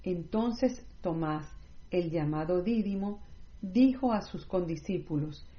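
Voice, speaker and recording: A woman reading scripture aloud in a measured, scripted way, with no commentary. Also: on the low side, expressive. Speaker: Bible reader. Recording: roomy, slightly dull recording.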